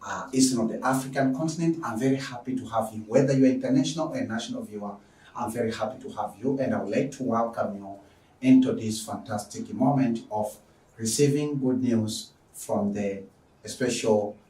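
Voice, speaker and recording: A man's voice: mid-range voice, fairly quick, mellow. A man with a Tanzanian accent giving a formal lecture introduction as an online teacher, speaking emphatically and repeating his phrases. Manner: formal, emphatic, repeats phrases, poses questions and answers them. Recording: echoey room, distant microphone.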